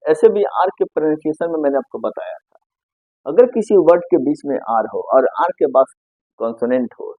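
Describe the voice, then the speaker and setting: A man's voice: mid-range voice, dry recording. A male teacher giving a pronunciation lesson, spelling words out letter by letter and repeatedly asking and answering his own questions. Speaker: English teacher. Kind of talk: grammar lesson. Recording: muffled, dry close recording.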